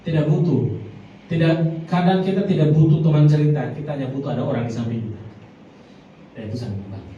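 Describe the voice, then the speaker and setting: High-voiced preacher in a booming hall. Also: male voice, fast talker, long pauses, dark tone, muffled recording. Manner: emphatic, repeatedly addresses the congregation as brothers and sisters. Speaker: pastor. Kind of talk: sermon. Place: large church hall. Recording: very echoey hall, mic far off, faint noise.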